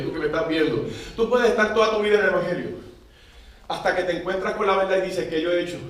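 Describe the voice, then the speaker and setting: A man preaching a sermon, getting the congregation to repeat phrases back to him. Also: sits high. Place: large church hall. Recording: echoey church hall, mic at a distance.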